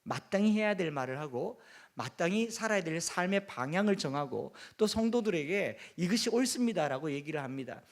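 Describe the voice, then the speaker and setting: A man's voice: sits high, lively intonation, a little fast. A middle-aged man from the Gyeongsang region, a pastor with a Gyeongsang Korean accent, preaching a sermon earnestly with humorous asides. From Gyeongsang region, South Korea.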